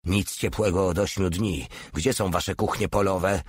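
A man's voice: low voice, fairly even intonation, unhurried, slightly rough, no echo. Brief: male reader doing a bullying SS general in an audiobook, harsh barked orders, dry close sound. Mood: harsh, barking.

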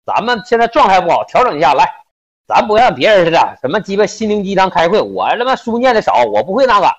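A man's voice: high voice, very animated, quick pace, highs cut off, pitched above the performer's own voice. A man voicing a brash, boastful young hustler rallying his crew, crude and swaggering. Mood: boastful hype.

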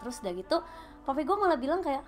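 A woman in her late twenties with a Sundanese-tinged Indonesian accent, a podcast guest telling her story in lively casual chat and mixing in English phrases. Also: high-pitched, racing, soft background music. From Bandung, Indonesia.

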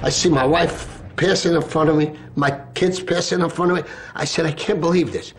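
A firefighter telling his story in an interview, vivid and animated, acting out the shouts he heard. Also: fairly high pitch, moderate pace, background noise. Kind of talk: emotional interview recollection.

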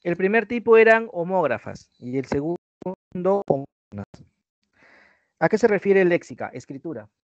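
A man's voice: sits high, big pitch swings, normal speed, dry recording. A man with a Peruvian Spanish accent, a language teacher giving an online prep-school class, explaining with worked examples and checking in with his students. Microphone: computer mic on a video class. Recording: dull, lo-fi online class audio.

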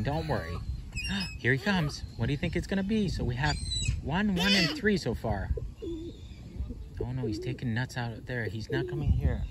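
Male kids' presenter, higher-pitched and very animated, playful question-led delivery, recorded outdoors with light background noise. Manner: animated, question-asking, talking as to small children. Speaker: host of a children's counting game. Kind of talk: playful narration addressed to young children. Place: outdoors on grass in a park. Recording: outdoor ambience with birds, faint noise. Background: birds and outdoor ambience.

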